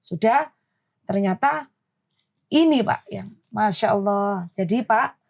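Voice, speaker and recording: A woman, a mother telling her story as a podcast guest, indignant and animated. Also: mid-range voice, slow, gravelly. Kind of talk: emotional storytelling in a podcast interview.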